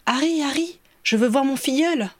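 A woman's voice: medium pitch, brisk, dry recording, natural voice. A woman reading an audiobook, voicing an eager small boy who is proud to be a godfather. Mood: excited. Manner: excited, insistent.

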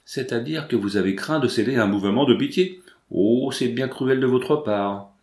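Brief: man reading a bold, quick young heroine, eager and direct; roomy recording. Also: medium pitch, darkish tone, natural voice. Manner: eager, pressing questions. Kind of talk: audiobook dialogue reading.

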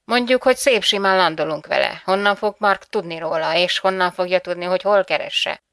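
A woman voicing a brisk practical male engineer. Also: high voice, a bit bright, smooth, no echo, rough recording. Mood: matter-of-fact. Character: calm male engineer on a call. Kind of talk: audiobook reading.

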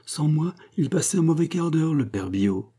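A man's voice: fairly high pitch, big pitch swings, moderate pace, warm tone, husky, voice pushed up. A man voicing a naive, eager young country lad in an audiobook.

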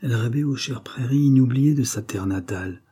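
A man reading a novel aloud in steady, even narration. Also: mid-range voice, brisk, husky. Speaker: audiobook narrator.

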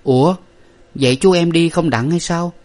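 Man doing a woman's voice, raised pitch, sharp scolding wife, strong-willed. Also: moderate pace, lightly acted.

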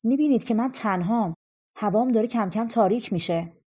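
A woman puts on Death in disguise as a wheedling male carter from an old folk tale, sly and menacing. The voice is mellow and a little breathy, and climbs higher and louder than her narration. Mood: pleading. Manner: pleading then gloating.

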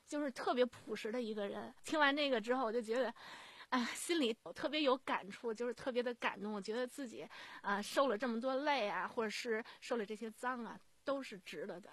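A woman's voice: fairly high pitch, fairly quick, fairly bright tone, no room sound. A woman who works as an emergency nurse tells her own stories in a radio interview. She speaks plainly and earnestly, with many fillers and restarts. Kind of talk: personal storytelling in a radio interview.

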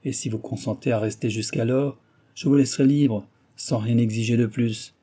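A bitter, ruined gentleman in an audiobook, proud and agitated, his speech pushed up high and loud with resentment, as a male narrator puts him on. The voice is dark and husky underneath. He hammers each phrase with vehemence. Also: steady tone, moderate pace, close to an everyday voice. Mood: bitter vehement. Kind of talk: audiobook character reading.

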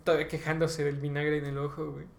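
Slangy Mexican man with gravelly voice. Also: on the high side, fast talker, slight background noise. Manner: slangy, filler-heavy, ends phrases with "güey"; rambling, animated retelling with bursts of laughter. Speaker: podcast host. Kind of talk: casual storytelling of a tabletop game session. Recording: roomy echo, faint background ambience.

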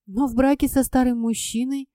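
A woman voicing a gentle, soothing middle-aged mother who speaks softly and conciliatorily. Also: high voice, fairly even intonation, normal speed, no room sound, studio quality, lightly acted. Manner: soft, hushed, conciliatory.

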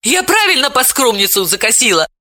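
A woman reading an audiobook, voicing a defiant, provocative young woman who talks loudly and cheekily. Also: sits high, big pitch swings, fairly quick, no room sound, pitched above the performer's own voice, heavily acted. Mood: defiant, brash. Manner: loud, exclamatory, cheeky. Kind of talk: audiobook character voice.

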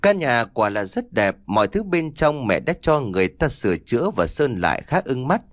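A male narrator tells a first-person story in an audiobook. His pitch moves a great deal, which makes the telling lively and expressive. The recording is close and dry, without room echo. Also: moderate pace.

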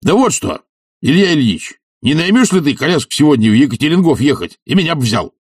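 A man's voice: fairly high pitch, big pitch swings, brisk, slightly rough, no room sound, studio quality, voice pushed up. A man doing a brash, bossy sponger. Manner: loud, bossy, scolding. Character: brash pushy middle-aged male sponger. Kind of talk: audiobook character reading.

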